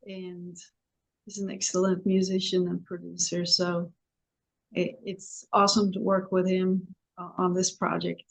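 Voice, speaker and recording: A singer-songwriter woman from Sweden, a guest in an interview, who talks slowly and haltingly with many restarts. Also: lowish voice, monotone, gravelly, poor audio.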